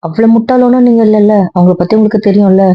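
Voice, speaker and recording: ஒரு பெண் நடிகை, தன்னை நியாயப்படுத்திப் பிடிவாதமாகப் பேசும் மனம் உடைந்த இளம் பெண்ணாக நடிக்கிறார். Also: female voice, medium pitch, quick pace, no room sound, close to an everyday voice. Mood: defiant. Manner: emotional, insistent, repetitive. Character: hurt young woman defending her refuge. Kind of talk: web serial monologue. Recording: dry dull lo-fi sound.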